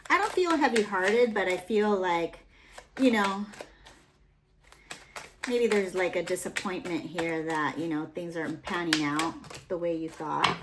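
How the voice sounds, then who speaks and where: A woman's voice: fairly low pitch, measured pace, background noise. A young adult woman giving a casual, rambling tarot reading, full of fillers and asides. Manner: rambling, chatty, with many fillers. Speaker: tarot reader.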